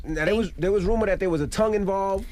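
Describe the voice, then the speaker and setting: A man co-hosting a radio show, loud and teasing with his guest. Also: high voice, quick pace, over a noisy crowd. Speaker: radio host. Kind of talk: radio interview.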